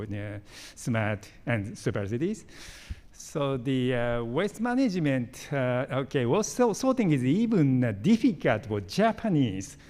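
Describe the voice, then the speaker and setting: A man at his usual pitch answers on a symposium panel. He halts often and fills the gaps with "uh". His voice echoes through the hall. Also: darkish tone. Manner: halting, many uh fillers. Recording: reverberant hall.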